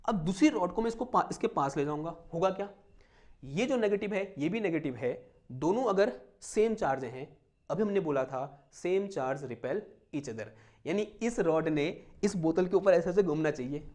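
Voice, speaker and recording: A young male physics teacher with a voice sitting a little high for a man. He walks students through a hands-on demonstration, firing questions at them and answering his own. When giving notes he slows right down, mixing English terms into his explanation. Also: lively intonation, a little mellow. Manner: asks the class questions and answers them himself; dictates headings slowly, mixing in English terms. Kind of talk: classroom lecture with live demonstration.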